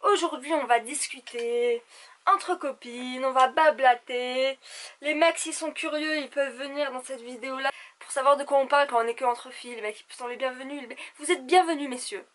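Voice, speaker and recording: A young woman with a high voice, gossiping to the camera like she would with her girlfriends. Her delivery is animated and theatrical, in a casual vlog chat style. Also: moderate pace. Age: young adult. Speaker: beauty vlogger. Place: small indoor room at home.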